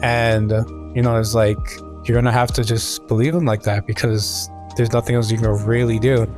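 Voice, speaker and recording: A man's voice: mid-range voice, little pitch movement, normal speed, darkish tone, faint music behind. A man in casual podcast chat, explaining at length with many fillers. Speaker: podcast co-host.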